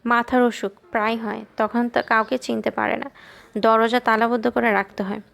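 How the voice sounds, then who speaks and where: A woman's voice: on the high side, level tone, moderate pace, gravelly, a bit bright. A woman reading the lines of an agitated, scolding middle-aged father in an audiobook. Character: worried middle-aged father, indignant and protective.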